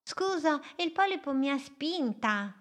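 A woman's voice: high voice, lively intonation, unhurried, pitched above the performer's own voice. A woman voicing a tiny, brave little female boat who speaks earnestly and eagerly in a children's story. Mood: apologetic.

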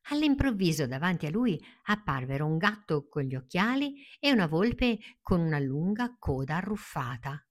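A woman narrating a children's fairy tale in a slow, gentle storytelling manner. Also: fairly low pitch, big pitch swings.

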